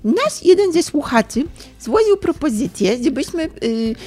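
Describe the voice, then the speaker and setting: A woman voicing an excitable, bossy dog who hosts a poetry corner in a comic sketch, squealing and giggly. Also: sits high, measured pace, soft background music. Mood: playful. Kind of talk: comic role-play sketch.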